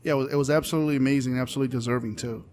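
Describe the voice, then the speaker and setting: A man's voice: mid-range voice, fairly even intonation, racing, darkish tone. A man from the Dominican Republic hosting a podcast interview, speaking with enthusiastic, hype-style energy. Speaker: podcast host. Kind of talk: casual interview.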